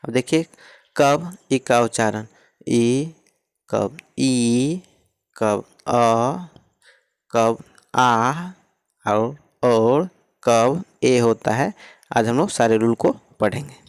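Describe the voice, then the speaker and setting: A man's voice: mid-range voice, takes it slowly, a little mellow, clear, resonant tone. A man teaching pronunciation rules who repeats each point and asks and answers his own questions, speaking. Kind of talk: classroom-style explanation.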